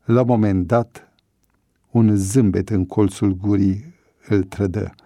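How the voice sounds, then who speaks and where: A man narrates an audiobook story at a measured, even pace. His voice sits low and dark. The recording is close and dry, with no room sound. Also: no echo.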